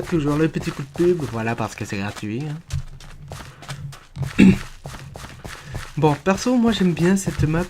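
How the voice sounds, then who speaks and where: A young man rambles through a casual gear review, cracking small jokes as he goes. His voice sits a little high and he speaks at an unhurried pace, with a faint hiss in the background. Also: darkish tone. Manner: joking, rambling, chatty. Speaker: YouTuber reviewing a microphone. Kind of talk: casual product review vlog.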